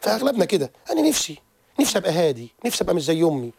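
Fast-talking gravelly man. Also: sits high, dry recording. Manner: animated, rapid lecturing with frequent restarts. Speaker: therapist guest on a radio show. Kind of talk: radio interview explanation. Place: radio studio.

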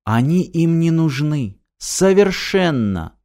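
A man reading the lines of a determined young woman in an audiobook, brisk and earnest. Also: a little high, sing-song, darkish tone, pitched above the performer's own voice.

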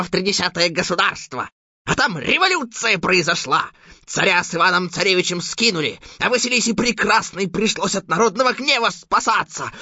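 Fairy-tale audiobook: a henpecked old sorcerer, voiced by a woman who hems and stammers, with a bright, sharp edge and a dull, lo-fi sound. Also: lowish voice, breathy edge, dry recording, exaggerated voice. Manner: hesitant, hemming and fumbling. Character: old male sorcerer Koschei, fussy, henpecked. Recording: dull lo-fi recording.

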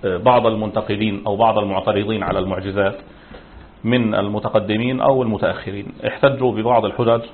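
A man's voice: fairly low pitch, steady tone, very fast, a little hiss or hum. A man teaching as a religious scholar in formal standard Arabic, lecturing in a didactic, explanatory manner. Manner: didactic, explanatory, with rhetorical questions. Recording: muffled, narrow phone-like sound.

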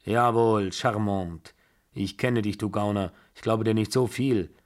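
A man's voice: fairly low pitch, steady tone, unhurried, natural voice. A man voicing a blunt, imperious rich old aunt of seventy-five who talks in a brusque, mocking way.

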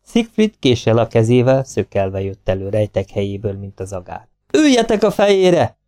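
A man narrating an audiobook in a calm, even storytelling manner. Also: fairly low pitch. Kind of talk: scripted narration.

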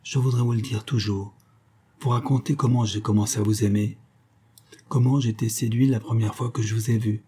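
A man's voice: lowish voice, fairly even intonation, normal speed, mellow, husky. A man doing a fervent young lover, murmuring. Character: ardent young man whispering declarations of love.

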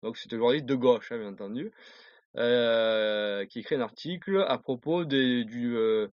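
A man's voice: medium pitch, no room sound. Hesitant man on a dull lo-fi line. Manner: hesitant, many filler pauses and restarts. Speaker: co-host of an online talk show. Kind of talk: casual chat.

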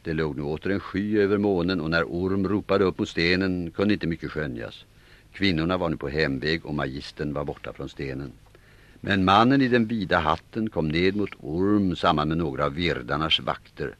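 A man narrating an audiobook in an expressive storytelling manner. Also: low voice. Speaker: audiobook reader. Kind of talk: scripted narration.

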